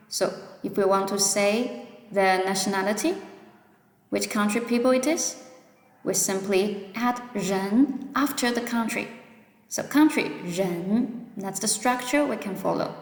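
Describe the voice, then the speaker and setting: A woman teaches beginners at an unhurried pace, repeating each new word so her students can follow along. Her voice rings out in an echoey room with a long reverb tail. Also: medium pitch. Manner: slow, patient, repeats words for practice. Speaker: Mandarin teacher. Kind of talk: online language lesson.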